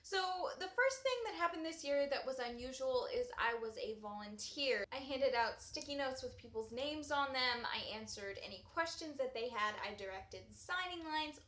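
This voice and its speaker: Bubbly bright-voiced young woman vlogging. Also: high-pitched. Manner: bubbly, gushing, enthusiastic. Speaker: book vlogger. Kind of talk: casual vlog chat. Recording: echoey room sound.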